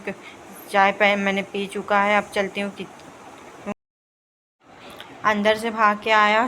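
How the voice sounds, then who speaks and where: A young woman talks the viewer through her household routine in a chatty, casual voice-over. Her pitch sits in an ordinary middle range but barely moves, giving an even, level delivery. A faint layer of household noise sits beneath her voice. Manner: chatty, running commentary on home routine. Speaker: vlogger. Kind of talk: casual vlog narration. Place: home.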